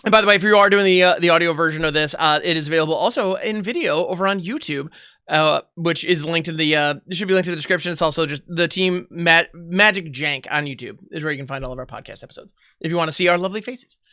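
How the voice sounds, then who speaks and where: A young man hosting a podcast in relaxed, chatty talk with fillers. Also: fairly high pitch, quick pace, clean tone, no room sound, studio quality. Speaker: podcast host. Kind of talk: casual podcast chat.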